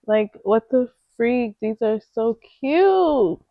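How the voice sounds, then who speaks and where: A young pregnant woman unboxes gifts in an easy, gushing vlog chat, full of slangy exclamations and delight. She talks slowly and unhurried. The sound is dry and close but a little dull and muffled. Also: fairly high pitch, animated, no room sound. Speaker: vlogger.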